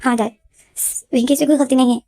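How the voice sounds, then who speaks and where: A woman storyteller speaking as a timid young son who pleads softly with his father. Her voice is fairly high and mellow. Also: fairly even intonation, a little fast. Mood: earnest.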